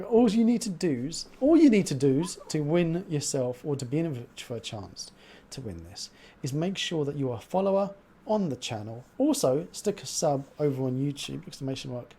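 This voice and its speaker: A male livestream host chats casually in a mellow voice with very animated pitch. He has trouble with his R's, which sound like W's, and keeps up an informal, chatty style. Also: moderate pace, vocal fry, slightly rough. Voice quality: cannot pronounce R's, says w for r.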